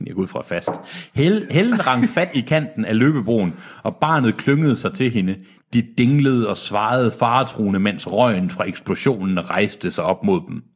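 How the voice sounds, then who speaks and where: Reading a novel aloud on a comedy podcast he co-hosts, a man with a lowish, husky, expressive voice keeps interrupting himself to ridicule the writing. He trips over words as he goes.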